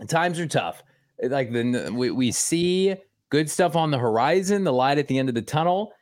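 A man's voice: medium pitch, animated, moderate pace, darkish tone, no echo, clean studio sound. A man with an American accent hosting a sports talk show, speaking emphatically and repeating words for stress. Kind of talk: sports talk, reading ads and viewer messages.

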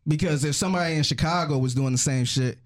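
A man's voice: on the high side, quick pace. A man chatting casually and laying out his opinions at an easy pace. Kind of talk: casual chat.

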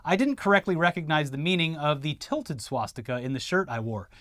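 A man's voice: a little high, brisk, fairly bright tone, no echo. A man from Florida co-hosting a casual news commentary show, reading news quotes and explaining with wry asides.

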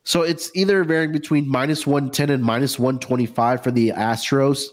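A man's voice: mid-range voice, fairly even intonation, normal speed. Under-the-weather man with a froggy voice. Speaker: sports betting show host. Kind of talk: casual sports betting talk.

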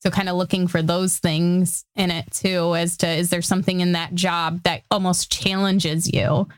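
A woman's voice: fairly low pitch, little pitch movement, moderate pace, no echo. A woman co-hosting a podcast in a casual, chatty, conversational style. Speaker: podcast co-host.

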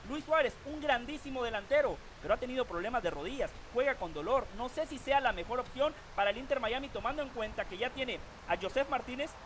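A man on a sports talk show giving formal, measured football analysis. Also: very high voice, expressive, fairly bright tone, a little hiss or hum, rough recording. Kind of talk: sports talk panel discussion.

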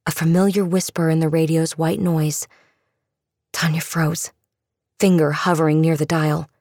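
Woman audiobook narrator, lowish voice with fry, dramatic story reading, super dry recording. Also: a little mellow, no echo. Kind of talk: scripted dramatic fiction narration.

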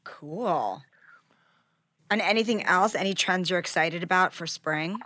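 A woman hosting a fashion podcast, chatting in an upbeat way and reacting with quick praise. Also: on the low side, sharp tone, no room sound, clean studio sound. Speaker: podcast host. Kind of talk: casual podcast interview chat.

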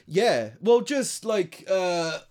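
A man's voice: high voice, big pitch swings, very slow, darkish tone. A man from Greater London with a southern English accent, chatting as a podcast co-host in a rambling, jokey way with casual swearing. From Greater London, England. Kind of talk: casual comedic banter.

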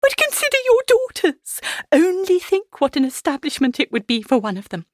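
A woman voicing an excitable, nagging middle-aged wife and mother in a gushing, insistent, theatrical way for an audiobook. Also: high-pitched, normal speed, dry recording, studio quality, voice pushed up. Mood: pleading. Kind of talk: dramatised audiobook character reading.

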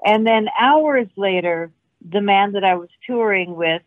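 A woman's voice: mid-range voice, a little slow, no echo. A woman guest telling anecdotes conversationally and emphatically over a narrow call line. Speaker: interview guest, filmmaker. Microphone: phone or call line. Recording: narrow tinny phone-like line.

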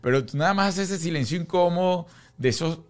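A man chatting as a guest on a podcast, animated and teasing, often acting out the voices of people in his stories. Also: a little high, a little fast. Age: adult, mother seventeen years older. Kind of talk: casual chat.

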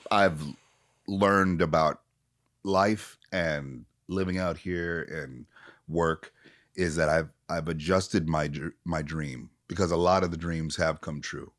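A man in his late forties, an actor talking candidly and reflectively in a conversation, often restarting his sentences. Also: low-pitched. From Minneapolis area. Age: 40s. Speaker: actor, guest.

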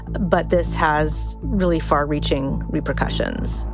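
A woman's voice: sits low, takes it slowly, music in the background. A woman giving conversational interview answers as a reporter.

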